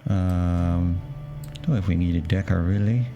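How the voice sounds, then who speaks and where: A man's voice: sits low, a little slow, soft background music. A man streaming a game, musing wryly in casual commentary and reading out the story. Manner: relaxed, musing, wry. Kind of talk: casual let's-play commentary and narration.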